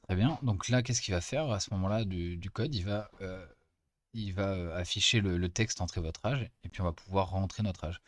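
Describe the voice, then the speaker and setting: A deep-voiced man, working as a teaching assistant, walks through code in a casual screen-recorded lesson. He's chatty and pauses a lot as he explains.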